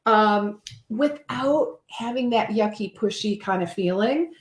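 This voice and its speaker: A woman's voice: medium pitch, slow pace. Enthusiastic woman host in an echoey room. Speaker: interview host. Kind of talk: casual interview chat.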